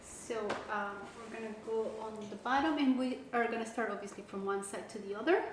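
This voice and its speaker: A woman giving a casual step-by-step craft tutorial, talking in a relaxed way with many fillers and restarts. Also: on the high side, fairly quick. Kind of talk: casual how-to instruction. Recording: echoey room with faint background noise.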